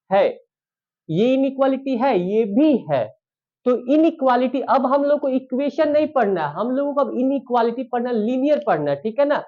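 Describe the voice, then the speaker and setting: A man's voice: very high voice, dull audio. Male math teacher quizzing students. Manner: lively coaxing teaching, asks and answers own questions. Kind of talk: online math lesson.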